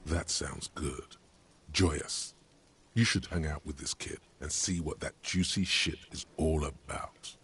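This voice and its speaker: A man's voice: a bass voice, slow, fairly bright tone, slightly rough, heavily acted. A man voicing a solemn game narrator with a grave, dryly mocking delivery. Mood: wry. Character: deep solemn male game narrator, wry.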